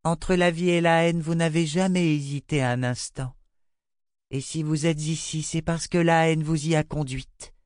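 A man reading an audiobook, voicing a frightened but brave young girl with a soft, careful manner. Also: on the high side, fairly even intonation, normal speed, smooth, dry recording, studio quality, pitched above the performer's own voice, natural voice. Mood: cold, firm. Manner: timid, then coldly firm.

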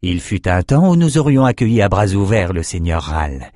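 Man voicing a smooth flattering sorcerer lord, drawn-out and self-assured, low voice, dry. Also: no room sound. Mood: suave.

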